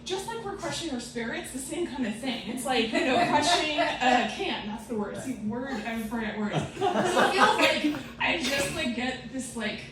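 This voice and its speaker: A woman from a Romanian family, with Romanian as her first language, tells a comic story on stage at a live venue, rambling, swearing, mocking herself and laughing often. Her high, expressive voice runs at normal speed with hardly any pauses. A distant mic in an echoey room captures her over a loud crowd.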